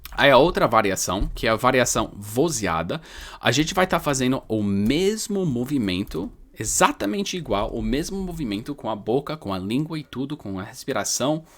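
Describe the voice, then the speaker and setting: Big pitch swings mark this man's mid-range voice, which moves at a normal speed. He's a native English speaker from New York, United States, with an American New York accent, giving viewers an informal pronunciation lesson and explaining through repeated, emphasized words.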